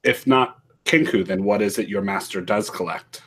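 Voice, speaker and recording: A man's voice: fairly low pitch, moderate pace, a bit bright, slightly rough. A man playing a tabletop game, talking casually and putting questions in a tentative way.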